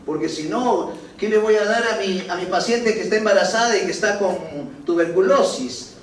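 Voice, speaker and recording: A high-voiced man lectures medical students in a lively, joking way, mimicking patients as he goes. He is captured from some distance in a large, echoey room with a faint hum of ambience. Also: normal speed. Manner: animated, acts out patients' complaints with laughs. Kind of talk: classroom lecture. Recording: roomy distant classroom recording.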